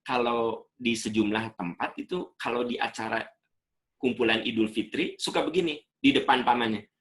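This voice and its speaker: A middle-aged man giving an Islamic lecture, animated and fond of acting out what people say. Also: medium pitch, moderate pace. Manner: animated, acts out quoted speech. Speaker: invited Islamic speaker.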